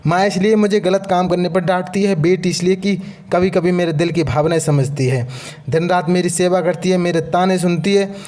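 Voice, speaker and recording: A man voicing a sharp-tongued older mother-in-law who scolds and taunts, in storybook narration. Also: high-pitched, fairly even intonation, moderate pace, close to an everyday voice. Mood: angry, protective.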